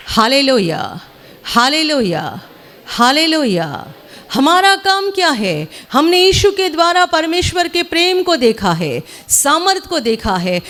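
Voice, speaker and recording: A woman preaching a sermon in a measured, repetitive style, calling out hallelujahs between points. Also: sits high.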